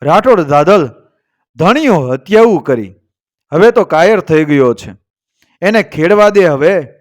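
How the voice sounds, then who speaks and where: A man's voice: high-pitched, expressive, slow pace. A man voicing a stern male outlaw leader who speaks in commands.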